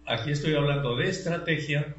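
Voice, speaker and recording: An older man giving a classroom lecture, tired, slow and deliberate, posing rhetorical questions and pressing his points. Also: on the high side. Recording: roomy, dull sound with faint hum.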